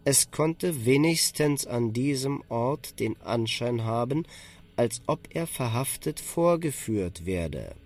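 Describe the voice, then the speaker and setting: A man's voice: mid-range voice, animated, slow, darkish tone. Man narrating a literary radio drama.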